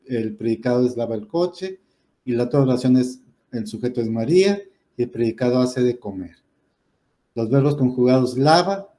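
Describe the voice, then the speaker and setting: Guy teaching grammar, warm mellow voice, patient, lots of "este" and "¿verdad?". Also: medium pitch. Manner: patient, explanatory, many "este" fillers and rhetorical "¿verdad?". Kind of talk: classroom grammar lesson.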